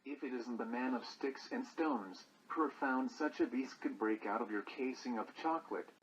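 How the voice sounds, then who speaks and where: A synthetic male voice playing a brooding, angry creature in a dry, flat robot monotone. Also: mid-range voice, normal speed, a little hiss or hum. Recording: dull lo-fi audio with music behind.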